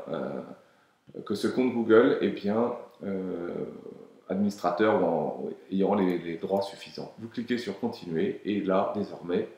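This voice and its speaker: A man presenting a screen-recorded software tutorial, explaining calmly with frequent hesitations. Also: low voice. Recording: very echoey room.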